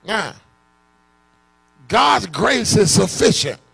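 A man preaching a sermon, questioning his congregation in call-and-response and bursting into shouts. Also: sits high, big pitch swings, drawn-out words, vocal fry, slightly rough.

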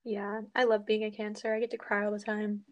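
An eighteen-year-old woman co-hosting a casual podcast, playful and animated. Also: medium pitch, a little fast, slight background noise. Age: young adult. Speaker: podcast co-host. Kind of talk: casual chat.

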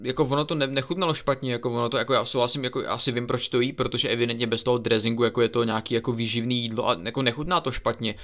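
A man rambles about football in a casual, animated way, stacking fillers and the occasional swear word. His voice sits at a medium pitch with nothing unusual about its tone. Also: hardly any pauses. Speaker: football podcast co-host. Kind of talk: casual chat.

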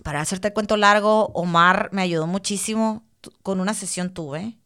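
Animated woman telling a story. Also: mid-range voice, moderate pace, clean tone. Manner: animated, repeats words for emphasis. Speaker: podcast guest. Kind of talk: casual storytelling.

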